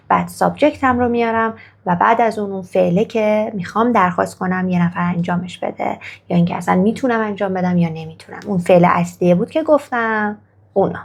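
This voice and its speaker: A woman teaching English grammar in Persian, who reads English example sentences slowly and carefully and praises the viewer after each exercise. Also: medium pitch. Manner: slow, careful model sentences in English, then Persian explanation.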